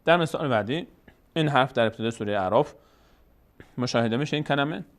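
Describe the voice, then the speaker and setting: This male Quran-reading teacher has a mid-range, animated voice and guides listeners patiently through a recorded lesson one step at a time. He poses questions, supplies the answers himself, and slowly stretches out each sound in his demonstrations.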